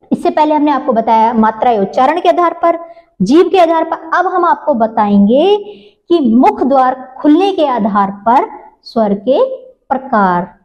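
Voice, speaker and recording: A woman with a high voice teaches a grammar lesson in a patient classroom way. She asks the class questions and answers them herself, goes over each point again slowly and draws out the sounds she is demonstrating. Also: darkish tone, poor audio.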